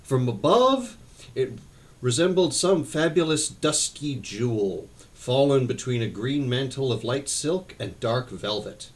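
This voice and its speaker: A man reading a children's novel aloud chapter by chapter, expressive with occasional slips and restarts. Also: mid-range voice. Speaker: storyteller.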